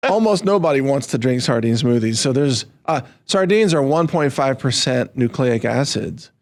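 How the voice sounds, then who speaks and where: A man's voice: medium pitch, animated, moderate pace, a little mellow. A man from the American Midwest, a podcast guest who explains things with an amused, incredulous edge. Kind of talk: casual conversation.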